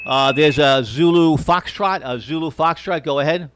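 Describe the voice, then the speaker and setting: A man's voice: fairly high pitch, normal speed, fairly bright tone, slight background noise. A courteous, hesitant man operating an amateur radio station, spelling out call signs in phonetics.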